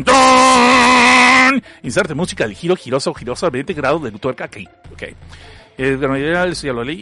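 High-voiced northern Mexican man, coughing. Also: fairly bright tone, breathy edge. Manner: joking, slangy, laughs often. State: has a cough. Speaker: livestream host. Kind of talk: casual chat reading live chat messages.

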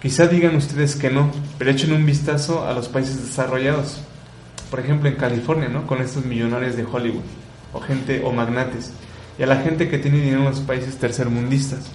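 A man's voice: mid-range voice, steady tone, moderate pace, darkish tone, roomy sound, a little hiss or hum, poor audio. A man giving earnest commentary, asking rhetorical questions and repeating words for emphasis. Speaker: radio host. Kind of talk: reflective commentary on environmental issues.

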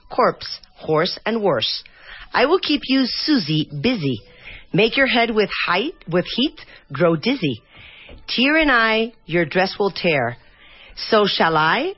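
A woman, hosting a casual radio chat and reading English haltingly and playfully. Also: mid-range voice, husky. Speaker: radio host. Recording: dull lo-fi radio recording.

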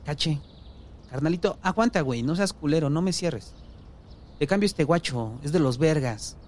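A man's voice: fairly high pitch, expressive, moderate pace, darkish tone, pitched above the performer's own voice, lightly acted. A man voicing a desperate young male addict, whiny and pleading.

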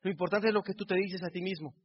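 A man's voice: sits high, steady tone, fast talker, slight background noise. A middle-aged man with a Mexican Spanish accent giving an emotional motivational speech, piling up repeated rhetorical phrases. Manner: repetitive rhetorical build-ups. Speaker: motivational speaker. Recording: dull recording in a reverberant hall.

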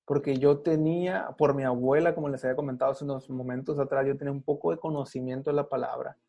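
A man's voice: medium pitch, fairly even intonation, quick pace, creaky, dark tone. A young Mexican man with a Mexican Spanish accent, a podcast guest telling his story casually with slang and acted-out quotes. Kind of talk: casual testimony.

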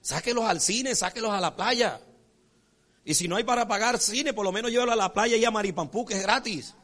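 A man preaching a sermon as pastor, folksy and animated, acting out characters and checking in with his congregation. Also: sits high, fairly quick. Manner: repeats rhetorical check-ins with the congregation.

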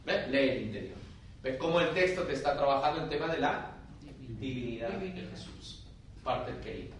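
Lively lecturing friar in an echoey classroom. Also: male voice, mid-range voice, moderate pace. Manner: lively, conversational, asks the class questions. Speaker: friar teaching a theology class. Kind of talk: classroom lecture reading and explaining scripture. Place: lecture room. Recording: very echoey room, far from mic, faint hiss.

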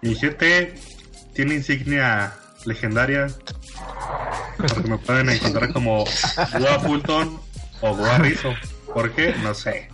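A man from Guadalajara joining a casual gaming podcast, talking in an offhand, deadpan way. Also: medium pitch, takes it slowly, long pauses, over music. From Guadalajara, Mexico.

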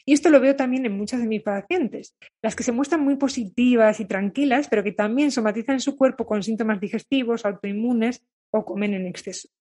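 Breathy, candid woman from Spain. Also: on the high side, a little fast. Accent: Spain Spanish. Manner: calm, candid, confiding storytelling. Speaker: therapist who treats eating issues. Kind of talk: personal reflective monologue to viewers.

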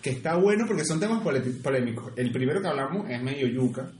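A young man co-hosting a podcast, joking and swearing casually in quick bursts. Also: medium pitch, animated, darkish tone. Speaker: podcast co-host. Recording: echoey room with faint noise.

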